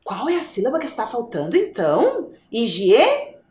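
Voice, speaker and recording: Woman teacher, Brazilian Portuguese accent, coaxing sing-song voice, high and swooping, echoey room. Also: wildly swooping pitch, a little fast, dark tone. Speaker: primary school teacher. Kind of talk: video lesson for young children.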